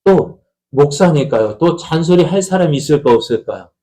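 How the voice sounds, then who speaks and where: A man's voice: on the high side, expressive, moderate pace, dark tone, poor audio. A middle-aged man, a pastor, preaching a conversational Sunday sermon in a church, asking the congregation questions and acting out family quarrels. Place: church sanctuary.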